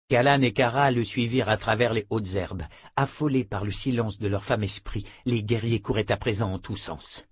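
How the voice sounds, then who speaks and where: A man narrates a fantasy audiobook in a steady, measured way. His voice sits low. The sound is dry and close to the mic. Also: slightly rough, no room sound. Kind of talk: scripted narration.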